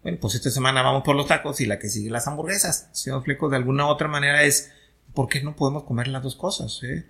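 A man hosts a conversation, laying out his points with plain examples and checking that the listener follows. His voice has a gravelly fry and a bright, forward edge. He sits at a middle pitch for a man. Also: fast talker. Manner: explains with everyday examples and asks if he is understood. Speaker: host. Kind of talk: conversational teaching.

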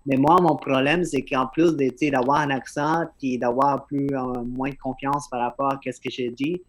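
With a mid-range voice, flat delivery, and moderate pace, a man hosts a podcast in an earnest, casual conversational style. He carries a non-native-sounding French accent, slurs his articulation slightly, and frequently repeats words when launching into a thought.

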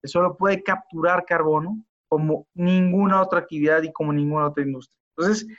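A man speaks as a guest in a casual podcast interview. His voice sits a little high, and he talks earnestly, doubling words as he restarts his sentences. The audio is dull and lo-fi. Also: steady tone, brisk, fairly bright tone.

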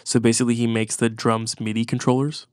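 A man's voice: mid-range voice, little pitch movement, fast, darkish tone, clear, resonant tone, no echo, studio quality. A congested man on a podcast, chatting casually and rambling with frequent swearing and restarts. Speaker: podcast co-host. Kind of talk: casual chat about music.

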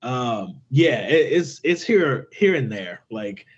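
A man who raps, chatting casually as a guest in halting, broken phrases. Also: mid-range voice, sing-song, breathy edge, lo-fi sound. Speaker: rapper, show guest. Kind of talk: casual chat.

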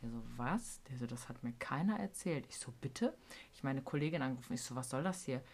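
Casting: woman, low voice, slangy storyteller, casual podcast co-host. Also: fast talker. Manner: animated storytelling, acting out quotes, slangy. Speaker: podcast co-host, care worker.

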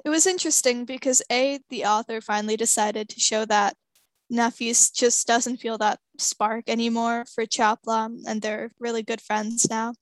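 Young woman, kinda high voice, lots of "like" and giggles, dry close mic. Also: fairly even intonation, normal speed, dry recording. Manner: casual, filler-heavy, giggly. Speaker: podcast co-host discussing a book. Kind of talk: casual chat.

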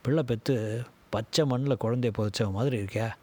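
A man voicing a blunt, teasing older priest-musician in a storybook reading. The voice stays husky and breathy, close to the reader's own. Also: mid-range voice, normal speed, a little mellow, lightly acted.

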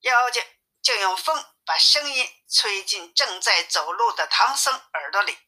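A woman reading a classic story aloud in a lively manner, shifting her voice for each character. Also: medium pitch, measured pace. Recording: tinny phone-like sound.

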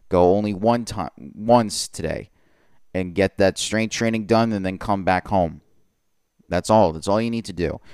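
A man hosts his own podcast in a solo monologue, rambling earnestly and correcting himself often. His tone is clear and resonant, though his voice sounds lower than usual today. The studio-quality recording has no room sound.

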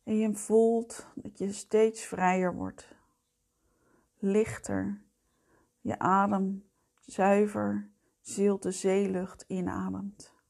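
Very slow, breathy woman guiding meditation. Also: mid-range voice, fairly even intonation. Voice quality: soft, breathy, often fading into a whisper. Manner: soothing, gentle, unhurried. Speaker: guided meditation leader. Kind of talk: slow guided meditation narration.

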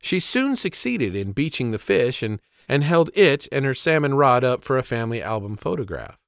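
A man recalls a story of his own in measured, plainspoken narration, his pitch rising and falling freely. The voice is recorded dry and close, with no room sound. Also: big pitch swings, fairly bright tone, no echo. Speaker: storyteller and father. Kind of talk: scripted narration of a personal story.

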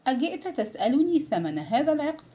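A woman's voice: high-pitched, sing-song, quick pace, mellow, voice pushed up. A woman voicing an imperious young princess. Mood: teasing. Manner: cool, imperious and teasing. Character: proud commanding young princess.

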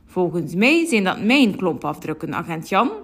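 A woman's voice: lowish voice, very animated, normal speed, husky, heavily acted. A woman voicing a flustered farmer in a children's storybook, upset and complaining. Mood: dry. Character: flustered farmer in clogs, male adult.

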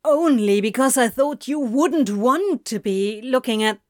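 A woman's voice: fairly high pitch, expressive, a little slow, dry recording. A woman voicing a flustered, guarded male demon who talks in a blunt, clipped, offhand way. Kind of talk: fan audiobook reading.

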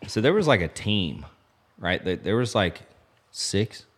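Husky and fairly low, this man's voice has a sing-song quality and runs a little slow. He's a thirty-something podcast guest and apparel business co-founder, rambling through a casual story in a lodge with lots of filler.

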